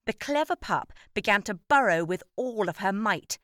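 A woman reads a children's story aloud with lively, animated expression. Her pitch moves a lot between lines. The sound is dry and close to the mic. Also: moderate pace, no room sound. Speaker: narrator. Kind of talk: storybook reading.

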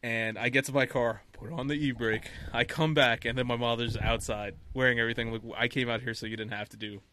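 A man chatting casually on a podcast call, telling an animated story and laughing as he talks. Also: medium pitch, brisk, a little hiss or hum. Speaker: podcast co-host. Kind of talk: casual chat.

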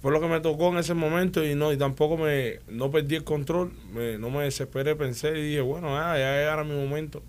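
A man's voice: on the high side, a little fast, few pauses. A man with a Cuban Spanish accent recounts his experiences in a casual conversational interview. He talks animatedly, restarts his sentences often and keeps checking in with his listeners. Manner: animated storytelling, frequent restarts and "¿me entiendes?". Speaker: interview guest.

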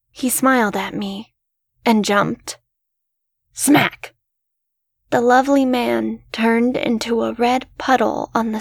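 A woman narrating horror stories in a measured, scripted storytelling delivery. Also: on the high side, creaky, no room sound, clean studio sound.

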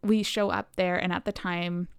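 A woman from Canada co-hosting a podcast, telling stories in a casual, animated way and acting out what people said. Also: on the low side, normal speed, clean tone, dry recording, clean studio sound. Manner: animated storyteller acting out quotes. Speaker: podcast co-host. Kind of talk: casual storytelling chat. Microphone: podcast microphone.

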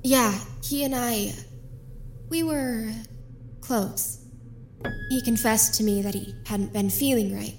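A woman's voice: on the high side, slow pace, long pauses, darkish tone, faint music behind. A woman playing an anxious, loyal character in an audio drama, in naturalistic dialogue. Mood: worried, confiding.

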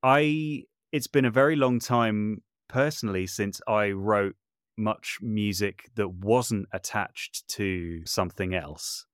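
A podcast guest who composes music and does voice work talks slowly in a fairly low, clean voice, recorded in a clean studio with no room sound. He chats casually and at length, pokes fun at himself, and hesitates often, restarting his sentences with false starts.

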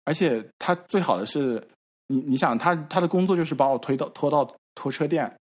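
A man on a podcast, casually telling a story in halting repeats and acting out the quoted dialogue. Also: on the high side, husky. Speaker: podcast regular. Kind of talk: casual chat.

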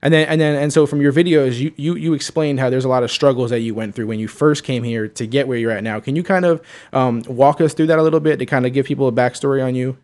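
A man's voice: medium pitch, fairly even intonation, fast talker, hardly any pauses, a little mellow. A man hosting a casual interview, asking rambling questions full of fillers. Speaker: podcast host.

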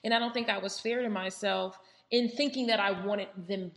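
Woman, 30s, podcast host, candid chatty delivery, middle pitch, roomy echo. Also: fairly even intonation, moderate pace, gravelly. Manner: candid, chatty, lots of fillers and asides. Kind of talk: casual solo podcast monologue.

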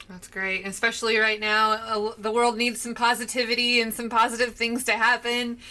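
A woman's voice: fairly high pitch, flat delivery, normal speed, bright, forceful tone. A woman hosting an interview, chatty and upbeat, asking long rambling questions. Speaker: interviewer, host.

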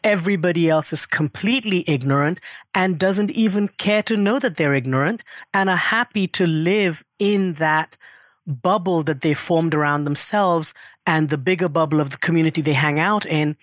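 A woman's voice: low voice, normal speed, dry recording, clean studio sound. A middle-aged woman in earnest, reflective conversation, with frequent asides. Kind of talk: conversational interview.

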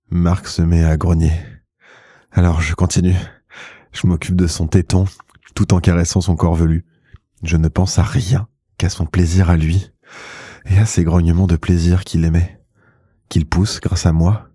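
A man narrating an intimate first-person story slowly and in a hushed, measured way, close to the mic. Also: low voice, no room sound. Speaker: podcast host and narrator.

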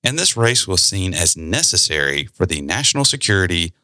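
Deep-voiced man explaining things casually. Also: brisk, no echo, clean studio sound. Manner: relaxed, conversational, explains with asides. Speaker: podcast host.

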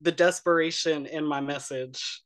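A man's voice: on the high side, fairly even intonation, measured pace, crowd noise. A man talking casually as a podcast guest, protesting with playful drama and quoting himself a lot. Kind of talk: casual family chat.

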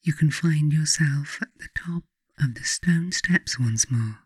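Reading her own book or guiding a meditation, a woman narrates reflectively from a script with a deep, slightly rough voice. She phrases things deliberately and at a measured pace, pausing often. There is hardly any room sound, leaving the recording dry.

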